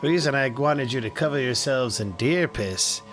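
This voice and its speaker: A man's voice: mid-range voice, moderate pace, over music. A man running a tabletop game as game master, narrating casually in a joking, rambling way. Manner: joking, rambling with many hedges.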